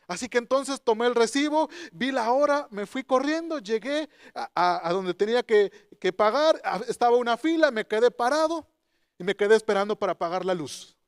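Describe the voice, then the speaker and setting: A man's voice: very high-pitched, lively intonation, moderate pace, smooth, dry recording, clean studio sound. A man preaching a sermon, telling a personal story and asking the listeners questions.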